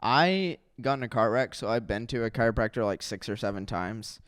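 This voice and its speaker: Young dude, mid voice, dead dry room, tired jokey podcast banter. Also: male voice, medium pitch, expressive, fairly quick, fairly bright tone, smooth, no echo. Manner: drowsy, joking, skeptical. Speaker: podcast co-host. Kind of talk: casual chat.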